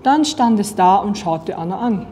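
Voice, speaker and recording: A young woman from Austria, a student, calmly reading a children's picture book aloud. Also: medium pitch, normal speed, slight background noise. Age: young adult.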